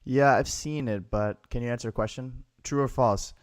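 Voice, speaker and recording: A man's voice: mid-range voice, normal speed, dry recording, clean studio sound. A man hosting a podcast, asking questions in a casual, hesitant way with fillers. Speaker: podcast host. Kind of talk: casual chat.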